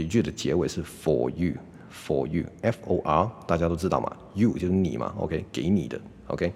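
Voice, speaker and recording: A man giving a casual English lesson, constantly checking in with a quick "OK?" and slowly sounding out example phrases. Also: sits low, warm tone, husky, long reverb tail. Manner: demonstrates English pronunciation slowly. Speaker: English teacher. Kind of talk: casual YouTube language lesson.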